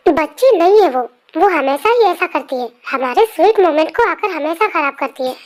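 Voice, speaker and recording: A woman voicing a possessive, quick-tempered young husband in a fan story narration, talking bossily. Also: very high voice, lively intonation. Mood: scolding, angry. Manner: bossy, scolding, then doting. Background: faint music.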